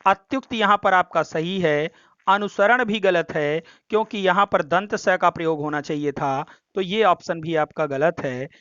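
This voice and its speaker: A man with a high, smooth voice leads a Hindi grammar practice lesson. He steps through each option methodically and restates the corrections. The recording is dry and a little dull, with a lo-fi edge. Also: normal speed, fairly bright tone, no echo. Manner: explains step by step, repeats options and corrections.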